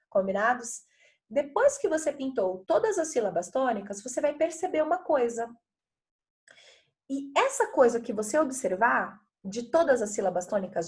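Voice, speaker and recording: A middle-aged Brazilian woman with a slightly high voice teaches a video lesson, going through workbook tasks step by step. She talks in a patient, chatty way and keeps asking whether her pupils are following. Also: darkish tone.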